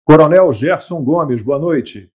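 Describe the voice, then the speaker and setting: Mellow-voiced man hosting a live talk show. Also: on the high side, lively intonation, takes it slowly, breathy edge. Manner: chatty, greets guests by name, frequent "né?". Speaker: show host.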